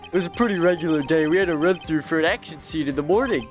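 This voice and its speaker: A man voicing a laid-back male TV director with a slow, drawling slacker manner. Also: a little high, soft background music, natural voice.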